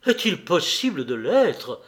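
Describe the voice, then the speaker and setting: A man's voice: high-pitched, very animated, measured pace, fairly bright tone, full character voice. A man voicing a fervent, pious aristocratic countess who speaks emphatically.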